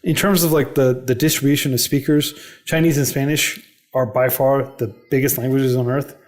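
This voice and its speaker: In a casual podcast interview, the guest is a chatty man who runs a coding non-profit and speaks English as his first language. His mid-range voice holds a fairly even intonation at normal speed, and his long explanations are full of "like" and "you know".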